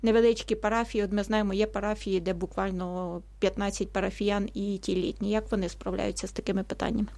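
A woman hosting a radio call-in show, clearly reading phone numbers and asking a guest long questions. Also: medium pitch, little pitch movement, fast talker, few pauses, a little mellow. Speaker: radio host.

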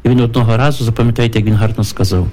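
A man who is a priest, praying and telling stories on a radio show in a slow, measured, devout way. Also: mid-range voice, fairly even intonation, darkish tone. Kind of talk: prayer and homily on radio. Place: radio studio.

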